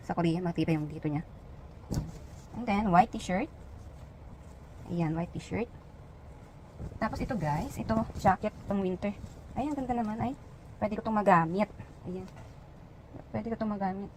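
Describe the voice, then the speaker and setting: A Filipina vlogger chats casually in a show-and-tell video, pointing out her items one by one with plenty of fillers. Her voice is medium-pitched and a little mellow, and the rough recording has some hiss or hum.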